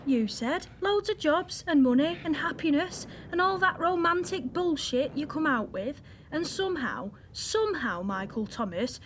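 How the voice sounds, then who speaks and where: In an audio drama, an actress with a Northern English accent plays a frustrated young wife from wartime northern England, blunt and emotional. Her high-pitched voice sounds exasperated, and there is slight background noise.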